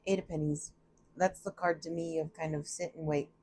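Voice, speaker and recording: A woman's voice: sits low, steady tone, moderate pace, dark tone, husky. A woman giving a casual, chatty tarot reading from a room at home, thinking aloud and often laughing at herself. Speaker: tarot reader.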